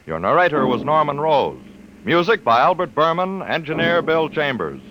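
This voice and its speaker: A man's voice: fairly high pitch, very animated, normal speed, noisy background. A man reading credits as a 1950s radio announcer, on an old broadcast disc.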